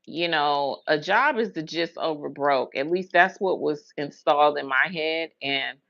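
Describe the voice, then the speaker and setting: An American woman with a low, gravelly, fairly bright voice chats casually on a livestream at a measured pace, telling rambling personal stories in colloquial language and repeating words for emphasis. She's a livestream host and hairstylist from Huntsville, Alabama and Brooklyn, New York. The recording is dry and lo-fi.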